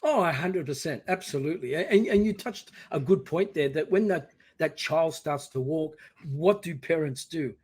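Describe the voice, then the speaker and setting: Speaking at normal speed with hardly any pauses, an Australian man in his 60s takes questions as a guest on a podcast in a casual interview. His a-little-high voice has a breathy edge and animated energy, and he frequently imitates encouraging parents.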